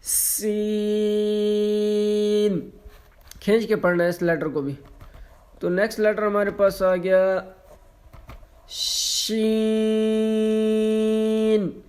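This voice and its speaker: A man teaching Quran letter pronunciation online, stretching each letter sound slowly and explaining quickly in between, with some English mixed in. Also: high-pitched, darkish tone. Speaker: Quran reading tutor.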